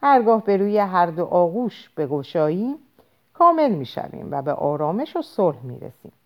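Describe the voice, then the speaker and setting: A woman narrating an audiobook in an expressive storytelling manner. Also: lowish voice, dull audio.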